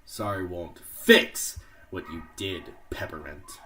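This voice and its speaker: Man reading as a bitter young woman, cold, slow, quiet. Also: sits low, recorded from a distance, full character voice. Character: bitter young woman disowning her sister.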